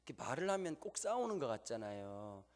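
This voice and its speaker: A man with a Gyeongsang accent preaching a sermon, telling humorous stories in a lively way. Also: medium pitch, fast talker, big-room sound. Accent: Gyeongsang Korean. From Gyeongsang, Korea. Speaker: pastor. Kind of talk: sermon with storytelling.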